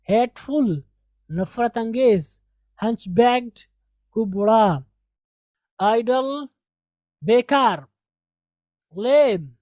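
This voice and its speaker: A woman teaching English vocabulary, repeating each word slowly for pronunciation drill. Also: fairly high pitch, darkish tone, dry recording.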